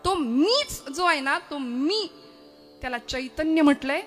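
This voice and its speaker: A woman's voice: high voice, expressive, slow, faint music behind. A woman preacher giving a devotional sermon, telling stories expressively and breaking into chanted and sung verses. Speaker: kirtan preacher.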